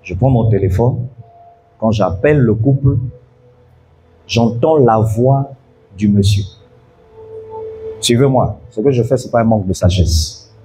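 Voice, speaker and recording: A man's voice: fairly low pitch, a little slow, pauses often, dark tone, faint music behind. A pastor preaching an evening sermon, telling a story and calling out to his congregation to follow him.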